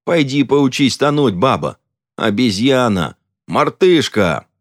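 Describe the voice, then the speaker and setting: A man's voice: medium pitch, very animated, normal speed, dry recording, studio quality, pitched above the performer's own voice. A man voicing a hot-tempered shopkeeper who barks insults and teases. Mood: yelling. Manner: barking, mocking.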